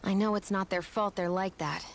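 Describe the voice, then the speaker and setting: A woman voicing a brisk, curt young heroine in a video game, blunt and matter-of-fact. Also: mid-range voice, steady tone, vocal fry, slight background noise, natural voice.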